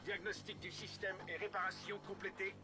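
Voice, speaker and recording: An actor voicing the male combat computer of a cyborg monster in a cartoon dub, speaking as a robot system booting up in flat, clipped machine readouts. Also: sits high, fairly quick, music in the background. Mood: robotic.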